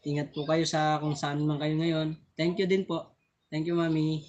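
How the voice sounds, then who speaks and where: A man's voice: on the high side, little pitch movement, normal speed, a little mellow. Guy doing a phone live stream, chatty, keeps laughing and tripping on his words, thanking viewers. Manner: chatty, laughs often, stumbles over words. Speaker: vlogger hosting a live stream.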